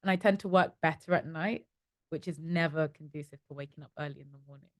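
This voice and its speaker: A young startup co-founder from East London chats as a guest in a relaxed interview, describing her days with quick, animated storytelling in which she acts out her own inner voices. She has a London English accent, and her voice sits a little low for a woman. The recording is close and dry, with no echo.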